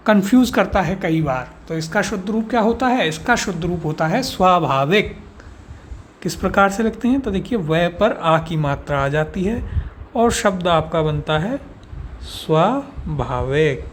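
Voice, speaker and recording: A man's voice: sits high, a bit bright, a little hiss or hum. A man teaching a spelling lesson for an exam course, walking through words one by one and asking rhetorical questions before giving each answer. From India. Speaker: Hindi teacher.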